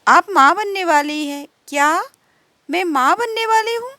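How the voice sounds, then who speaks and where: A woman's voice: high-pitched, slow, fairly bright tone, no echo, exaggerated voice. A woman voicing a dazed young mother in a doll story who talks in a groggy, bewildered way.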